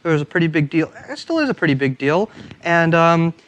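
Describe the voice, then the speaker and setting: A man's voice: on the high side, very animated, fairly quick, fairly bright tone. A man hosting a casual interview in a recording studio, joking and playful. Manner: playful, jokey. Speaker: host.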